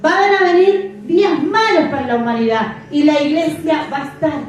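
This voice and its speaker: A woman's voice: high voice, normal speed. A middle-aged woman pastor preaching a sermon, emphatic and repeating phrases for effect. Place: church. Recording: echoey church from far off.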